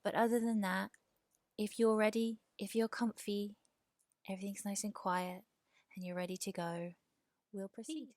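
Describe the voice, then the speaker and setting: A woman with an English accent, a yoga teacher leading a guided meditation in a slow, soothing way, with soft breathy words. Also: mid-range voice, fairly even intonation, no room sound, clean studio sound.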